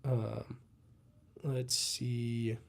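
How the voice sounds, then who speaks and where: A young man who is ill and losing his voice hosts a casual live Q&A, chatting and answering viewers' questions on his stream. His medium-pitched voice is creaky, with drawn-out words. He stays relaxed and rambling as he responds to chat comments.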